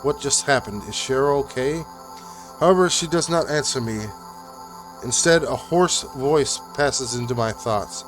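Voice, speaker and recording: A young man reading a visual novel game aloud with halting, uneven delivery and restarts. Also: medium pitch.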